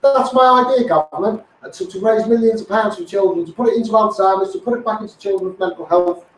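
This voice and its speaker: A campaigning video host with a Scouse accent and a high-pitched voice talks quickly to live viewers, making an insistent, repetitive appeal aimed directly at those in power. The recording is echoey and distant from the mic, with slight background noise.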